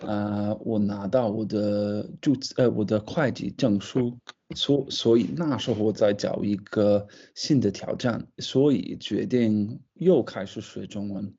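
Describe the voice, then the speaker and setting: A foreign man with English as his first language speaks accented Mandarin in an interview. His voice is low-key and mellow with a gravelly creak, and he feels his way through sentences, repeating words. The audio is slightly dull and lo-fi. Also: a little slow. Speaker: language student being interviewed. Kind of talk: casual interview in a second language.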